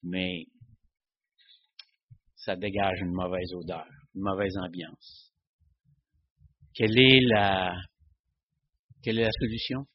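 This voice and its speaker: Guy talking about faith, kinda husky voice, dull lo-fi recording. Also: low voice, steady tone, slow pace, pauses often. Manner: conversational, frequent tag questions. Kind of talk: casual teaching on faith.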